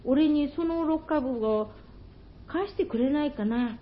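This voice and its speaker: A woman's voice: sits high, measured pace, voice pushed up. A woman voicing a greedy, envious male fox in a folktale, asking eagerly and wheedling. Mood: pleading. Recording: dull lo-fi recording.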